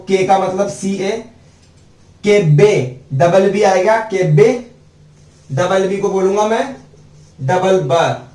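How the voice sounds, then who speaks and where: A man teaching spelling, his voice high and his pace slow and deliberate. He drags out words letter by letter for his students. The sound is roomy and echoey, picked up from some distance away. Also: darkish tone. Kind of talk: spelling lesson at a board. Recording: echoey room, mic at a distance.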